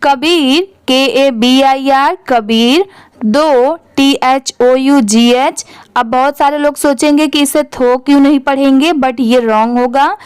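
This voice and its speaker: Woman, English reading teacher, high voice, spells words slowly, dry close sound. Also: dry recording. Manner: slow, letter-by-letter, patient questioning.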